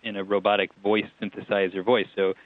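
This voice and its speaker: A man's voice: on the low side, level tone, brisk, dry recording. A man being interviewed about a show he made, talking in a chatty, digressive way with small laughs and restarts. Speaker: TV writer-producer guest. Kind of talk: relaxed interview answers. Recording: tinny phone line.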